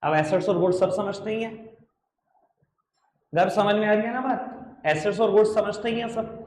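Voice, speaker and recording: High pitched guy teaching accounts, teasing and coaxing his students, echoey classroom, bit of background hum. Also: moderate pace, darkish tone. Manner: playful, coaxing, calls students affectionate nicknames. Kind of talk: classroom lecture. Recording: echoey room with faint noise.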